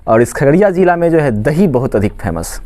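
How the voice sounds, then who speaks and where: A man's voice: a little high, sing-song, fairly quick, warm tone, dry recording. A man from Bihar, teaching a maths lesson. He often asks a question and then answers it himself. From Khagaria, Bihar, India. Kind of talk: classroom lesson explanation.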